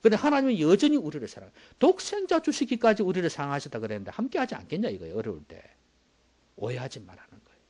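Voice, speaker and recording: A man preaching a sermon as pastor, moving between quiet low asides and loud emphatic bursts and asking the congregation rhetorical questions. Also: huge pitch swings, fast.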